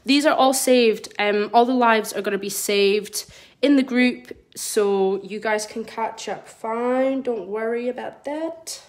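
Working at her nail studio desk, a Scottish woman with a mild accent runs a live tutorial, chatting and reading viewer comments aloud. Her voice is a little high and slow, picked up by a phone camera positioned over the work table.

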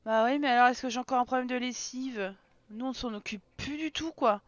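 A woman's voice: on the high side, a little fast, dull audio. A woman with a French accent giving casual, chatty commentary on her own Let's Play, teasing and scolding the characters on screen.

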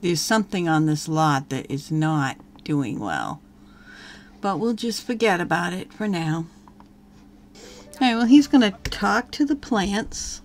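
A woman's voice: lowish voice, sing-song, a little slow, slight background noise. A woman giving casual gameplay commentary as a let's play host, chatting and talking to her game characters as she plays.

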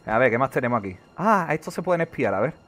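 A man giving excitable live commentary on his gameplay, swearing and shouting at the game. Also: mid-range voice, fast talker. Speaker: gaming streamer.

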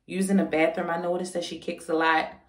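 A chatty woman with a lowish voice talks to her viewers in a casual pregnancy vlog, slightly short of breath. She sits back from the mic, and the room rings around her. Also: flat delivery, fairly quick, recorded from a distance. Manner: chatty, addresses viewers as y'all. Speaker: vlogger. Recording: roomy sound, voice away from the mic.

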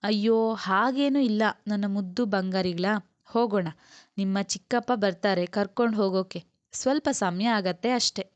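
A woman's voice: medium pitch, moderate pace, dry recording, highs cut off, natural voice. A woman doing a soothing doting grandmother. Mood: coaxing. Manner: soothing, coaxing.

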